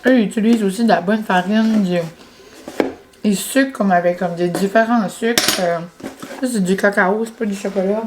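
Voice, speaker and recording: A woman's voice: medium pitch, moderate pace, background noise. A young woman chatting casually to her vlog audience, with many fillers and English words. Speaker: vlogger. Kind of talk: casual vlog chat to camera.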